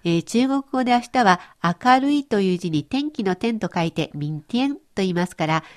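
A woman language teacher presents a radio language lesson, explaining cheerfully with lively intonation. Her voice is mid-range and her pace normal.

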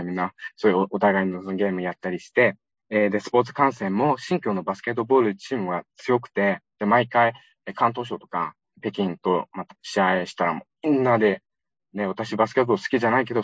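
A man from Xinjiang, China, giving a lively, conversational public lecture with frequent fillers. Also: on the low side, fast talker, dry recording. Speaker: guest lecturer. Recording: dull lo-fi recording, dry.

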